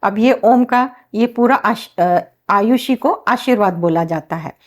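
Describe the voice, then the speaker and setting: A woman demonstrating and explaining a healing ritual step by step, in a slow, instructive manner. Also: medium pitch. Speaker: healing teacher.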